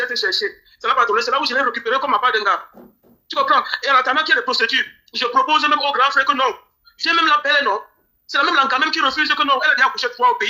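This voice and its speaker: Man pleading in grief, high and fast. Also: sharp tone. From Cameroon. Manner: pleading, repeats phrases. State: grieving, near tears. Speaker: interview guest. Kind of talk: emotional interview testimony.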